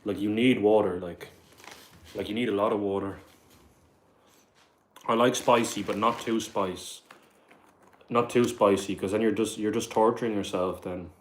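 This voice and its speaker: This Dublin man hosts a casual livestream, reading out viewer questions and answering with plenty of "like" and "bro." His lowish voice stays steady at a moderate pace, broken by long pauses, with slight background noise.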